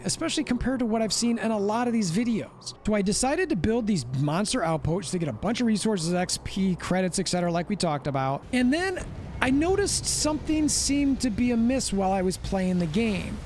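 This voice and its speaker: A man hosting a gaming channel, giving animated gameplay commentary and repeating himself for emphasis. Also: high-pitched, a little hiss or hum.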